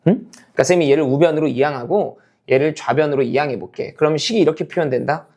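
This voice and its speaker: A man's voice: a little high, fast, a little mellow. A man teaching a math lesson, explaining step by step, repeating key points and constantly checking that the class follows, switching between casual and polite speech. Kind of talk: lecture to students.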